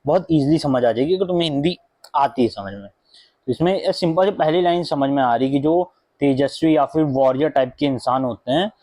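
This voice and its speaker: A man's voice: a little high, normal speed, dark tone, dry recording. A young man reviewing a book in a casual home vlog, chatting in a loose mix of Hindi and English with plenty of fillers and asides. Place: indoor room at home with a fan running.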